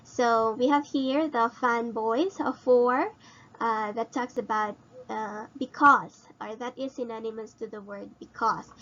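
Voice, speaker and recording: Slow, patient woman teacher, lo-fi. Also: fairly high pitch, fairly bright tone. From Philippines. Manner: explains slowly and repeats, asks students questions. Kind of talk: recorded grammar lesson.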